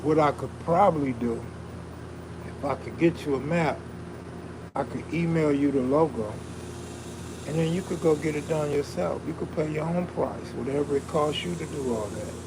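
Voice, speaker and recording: Background noise accompanies this casual live stream, where the host reads out comments in a relaxed, streetwise, slangy manner. His fairly high voice sounds soulful and soothing, moving at a moderate pace.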